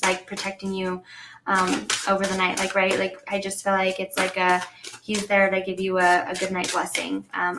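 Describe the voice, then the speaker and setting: A young woman talks through a card reading in a gentle, halting way, full of fillers and restarts. Her voice stays fairly flat and even. The sound carries a roomy echo. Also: mid-range voice, background noise. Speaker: psychic medium reading cards. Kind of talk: casual spiritual reading.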